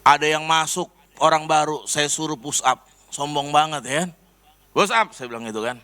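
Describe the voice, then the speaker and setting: A man's voice: on the high side, level tone, normal speed, bright, forceful tone, clear, resonant tone. A man preaching a personal testimony, telling his story animatedly to the congregation. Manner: storytelling, addresses congregation as saudara. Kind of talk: sermon testimony.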